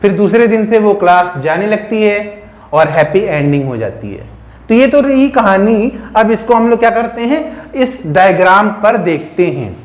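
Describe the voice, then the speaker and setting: A man with a high, sing-song voice teaches biology by telling a story as a memory trick. He speaks a little slowly, asks questions and answers them himself, and keeps checking in with "theek hai." The audio is reverberant.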